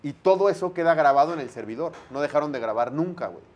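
A Mexican man, a sports broadcaster, telling lively anecdotes in a casual interview, full of slang and acted-out dialogue. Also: fairly high pitch, fast, dull audio.

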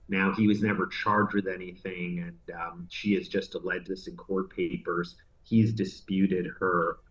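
A man in his forties speaks over a video call from an indoor room. His voice sits a little low, and he lays out a news story in a relaxed, conversational way, leaning on "you know" as he goes. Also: rough recording. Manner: conversational, explains step by step with many "you know"s. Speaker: entertainment news editor. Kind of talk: remote news interview. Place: indoor room with framed poster behind.

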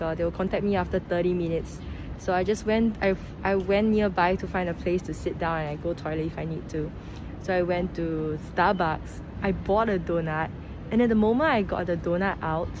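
A young woman from Singapore talks through a face mask in an upbeat, chatty travel vlog, her pitch sitting at a middling level for a woman. The recording is outdoors on city streets, with clear street ambience and passing traffic behind her voice. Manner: chatty and upbeat, talking to camera while walking and queuing. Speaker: travel vlogger. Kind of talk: casual travel vlog chat. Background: street ambience and passing vehicles.

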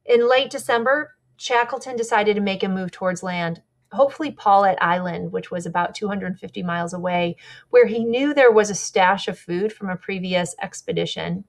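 A woman guide walks an audience through a slide presentation. Her delivery is conversational and unhurried, with the odd slip she stops to fix. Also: mid-range voice. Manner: warm, conversational, with small slips and self-corrections. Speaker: polar expedition guide giving a presentation.

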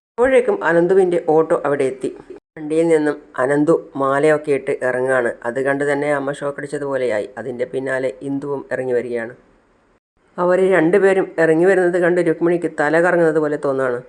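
A man casually retelling a television serial episode, narrating and voicing every character himself. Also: a little high. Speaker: storyteller.

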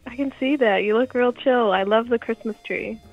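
Gravelly-voiced nervous young woman caller. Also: fairly high pitch, moderate pace, soft background music. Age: 20s. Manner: nervous, giggly, soft-spoken. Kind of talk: phone-in conversation. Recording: dull lo-fi call audio.

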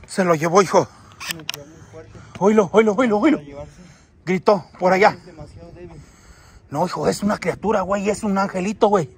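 High-voiced Mexican man, urgent. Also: normal speed, long pauses. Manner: urgent, tense, drops to whispered prayers. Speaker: paranormal live-streamer, father. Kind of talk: live-stream ghost hunt with prayers.

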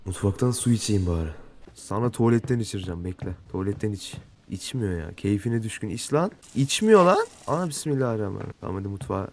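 A man's voice: on the low side, quick pace, dark tone, a little hiss or hum. A man doing let's-play commentary on a horror game, swearing a lot and shrieking when he gets scared. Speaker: gamer and dubber.

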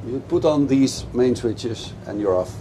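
A middle-aged man explains things eagerly, his voice sitting in an ordinary middle register. He is recorded aboard a moving motorboat. Loud engine and wind noise run under everything he says. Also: mid-range voice, lively intonation, a little slow. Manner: enthusiastic, explanatory, speaks over engine noise. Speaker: boat dealer giving a product review. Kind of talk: casual product walkthrough. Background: boat engine and water noise.

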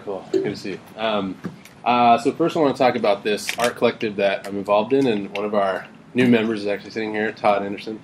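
A man's voice: lowish voice, steady tone, fast, slight background noise. A man presenting his art projects at a conference panel, casual and loose, with many "um" and "uh" fillers and restarts. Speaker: panelist, new media artist. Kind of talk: conference talk presenting slides. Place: conference room.

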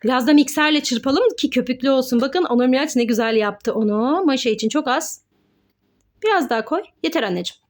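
Acting as host, a woman narrates pretend play for children in a high-sitting voice at a slightly fast pace. She coaxes them along with simple step-by-step instructions, the way a mother talks to her child.

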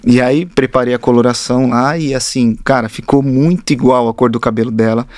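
Fast-talking man telling a salon story. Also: medium pitch, no room sound, clean studio sound. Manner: lively, slangy anecdote telling. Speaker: hairdresser guest. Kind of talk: casual storytelling on a podcast.

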